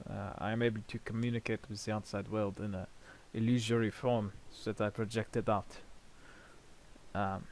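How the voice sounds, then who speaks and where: A man voices a helpful ghostly gravedigger for tabletop role-play. The voice sits fairly low. The phrasing is formal and polite, with halting, apologetic hesitations. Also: a little mellow. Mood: formal, earnest. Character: courteous, apologetic male gravedigger spirit, trapped and helpful.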